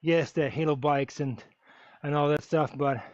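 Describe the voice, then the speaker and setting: A German man, German by birth and mother tongue, streams an indoor bike ride and chats with viewers, relaxed and thinking out loud with plenty of fillers. His voice sits on the high side, steady at a moderate pace. The recording is dry, dull and lo-fi.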